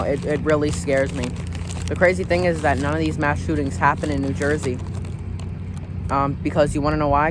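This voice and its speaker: A man's voice: fairly high pitch, background noise. An American man giving a casual opinion monologue as a vlogger, informal and repetitive, often saying "you know.". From United States.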